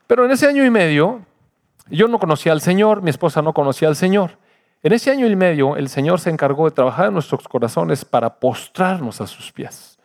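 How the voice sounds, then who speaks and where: An older man, a pastor giving an earnest personal testimony in a sermon, his voice swinging from loud to hushed. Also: fairly high pitch.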